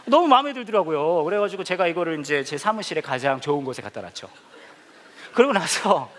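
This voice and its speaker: Male pastor, slightly high voice with swinging pitch; light, joking sermon storytelling. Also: a little hiss or hum. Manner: joking, self-mocking, lively storyteller. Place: church service before a congregation.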